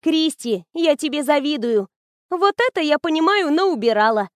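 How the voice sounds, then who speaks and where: A woman reading the lines of a lively young woman student who teases her friend in an audiobook. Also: high-pitched, moderate pace, dry recording, clean studio sound, voice pushed up. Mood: teasing. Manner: bubbly, teasing, animated.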